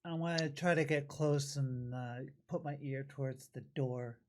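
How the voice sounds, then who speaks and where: A man's voice: medium pitch, fairly even intonation, moderate pace, darkish tone. A man playing a tabletop game, chatting and asking the game master questions. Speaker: player. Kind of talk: casual tabletop play.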